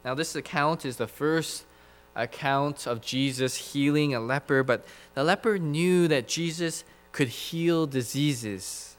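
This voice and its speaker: A man preaching a sermon in an earnest, emphatic way, with dramatic pauses. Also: fairly high pitch. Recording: reverberant hall with mains hum.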